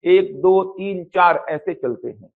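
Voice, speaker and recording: A man with a high voice teaches a live math class. He keeps the students engaged with repeated questions and short answers. The sound is slightly muffled, like lo-fi classroom audio. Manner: drills students with rapid question-and-answer, repeating key points. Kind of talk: live coaching class lecture. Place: classroom with students and online viewers.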